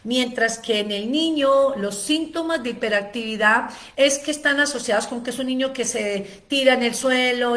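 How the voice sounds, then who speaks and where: A woman with a somewhat high voice delivers a spoken lecture as an educator. She explains patiently, strings together long lists and fills her pauses with "eh". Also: a bit bright. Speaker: ADHD educator giving a seminar.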